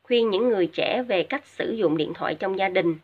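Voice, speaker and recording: A woman teacher with a Vietnamese accent giving a recorded English lesson, glossing each word in Vietnamese with frequent hesitant fillers and slow repetitions. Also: mid-range voice, slightly rough. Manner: explains each word in Vietnamese, many filler sounds, drills English words slowly twice. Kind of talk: recorded video lesson for high school students. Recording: dull lo-fi recording.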